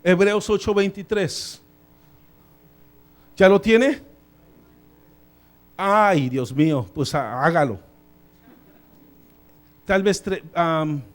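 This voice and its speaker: A man preaches in a church, his fairly high voice climbing for emphasis and then dropping to quiet asides. He is lively and informal, tossing in English phrases as he leads the congregation through scripture. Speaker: pastor. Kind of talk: sermon. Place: church sanctuary.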